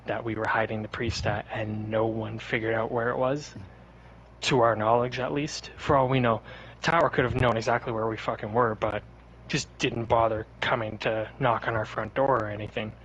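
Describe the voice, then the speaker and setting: A man's voice: on the low side, steady tone, normal speed, a bit bright, muffled recording, slight background noise. A man guest on a podcast, telling stories in a rambling, laid-back casual way. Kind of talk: casual chat.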